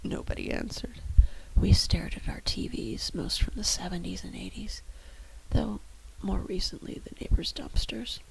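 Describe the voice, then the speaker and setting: Gravelly whispering woman narrator. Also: medium pitch, steady tone, moderate pace, rough recording. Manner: wry first-person storytelling. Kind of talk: whispered role-play.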